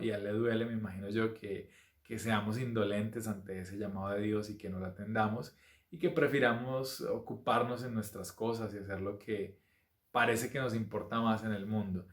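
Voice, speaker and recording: A man's voice: on the low side, roomy sound. A man preaching a sermon, teaching from the Bible, who reads passages aloud with rising emphasis and poses rhetorical questions. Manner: frequent fillers and restarts, asks rhetorical questions.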